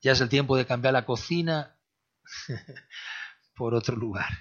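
A male pastor delivers a sermon, his voice bright and forceful with a husky edge. He swings between loud exhortation and hushed prayer, captured on a dull, lo-fi recording. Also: medium pitch, slow pace. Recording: dull lo-fi sound.

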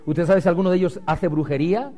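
A man's voice: fast talker, faint music behind. Impassioned male pastor. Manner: impassioned preaching, rising loud then dropping low. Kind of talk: sermon.

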